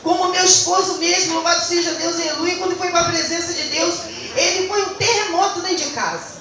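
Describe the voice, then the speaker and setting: A woman's voice: very high voice, fairly quick, sharp tone, slight background noise. A Brazilian woman, a church deaconess, giving a fervent testimony sermon and often breaking in with words of praise. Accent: Brazilian Portuguese. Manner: fervent, peppers speech with praise phrases. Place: church hall. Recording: very echoey church hall, mic far off.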